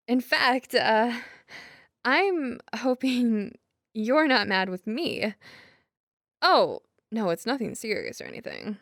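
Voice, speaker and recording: A young woman performs an intimate audio roleplay as a girlfriend, rambling casually in a giggly, hesitant, self-deprecating way. Her mid-range voice comes through clean studio sound with no room echo.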